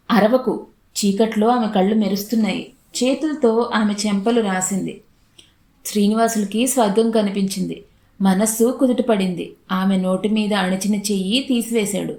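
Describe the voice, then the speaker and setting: A woman reading a literary short story aloud in a steady, unhurried narrating voice. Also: mid-range voice, roomy sound.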